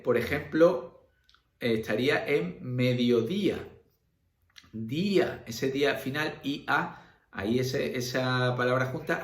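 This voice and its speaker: Male teacher, patient and filler-heavy, recorded in a roomy space. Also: medium pitch. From Spain. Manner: explains patiently with many fillers and checks like "¿vale?". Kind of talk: recorded grammar lesson. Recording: roomy echo.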